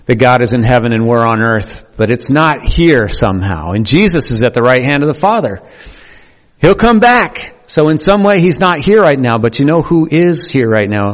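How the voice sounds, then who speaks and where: A man preaching a sermon earnestly, with playful asides to the congregation. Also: mid-range voice. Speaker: pastor. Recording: long hall reverb.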